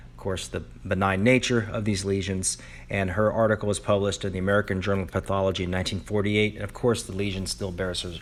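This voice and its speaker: A man, a dermatologist, presenting a history lecture to colleagues at a conference, telling stories about notable figures. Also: fairly low pitch. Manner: admiring, storytelling lecture delivery.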